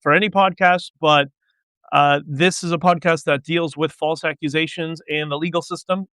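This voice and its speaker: A man's voice: fairly high pitch, a bit bright, clear, resonant tone, no echo. A man hosting his own show, talking in a casual, rambling solo monologue with many restarts and digressions. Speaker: podcast host.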